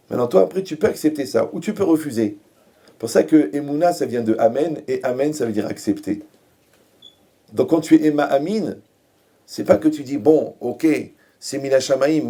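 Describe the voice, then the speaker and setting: A male rabbi delivering a Torah lecture in a humorous, conversational way, often checking whether listeners follow. His voice is gravelly and husky. The tone is dark and mellow. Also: mid-range voice. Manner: joking, asks rhetorical questions.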